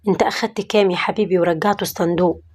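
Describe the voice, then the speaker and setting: A woman voicing a kindly older male priest who talks gently and in a fatherly way, with an Egyptian accent. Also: lowish voice, fairly even intonation, racing, lightly acted. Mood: tender. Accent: Egyptian Arabic.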